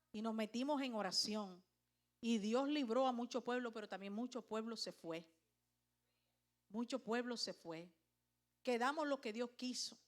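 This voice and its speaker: A middle-aged woman pastor, preaching a sermon and firing questions at her congregation. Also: on the high side.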